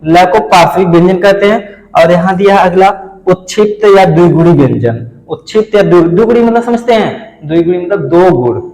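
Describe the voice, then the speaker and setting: Male teacher, high voice, lecturing in a roomy, echoing space; quizzes the class and answers himself. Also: expressive, brisk, a little mellow. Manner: explains at a board, asks and answers his own questions.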